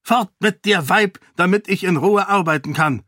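A man voicing a quick-tempered, greedy middle-aged king who snaps scornfully in a storybook reading. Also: high-pitched, no echo, clean studio sound, pitched above the performer's own voice. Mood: angry. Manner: snapping, scornful, loud.

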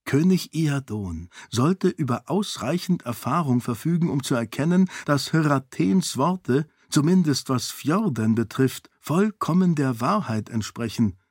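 A man voicing a clever young princess who speaks in a hushed, wry way. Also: on the high side, lively intonation, measured pace, few pauses, husky, no echo, clean studio sound. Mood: worried. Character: clever young princess, sharp-witted and sly.

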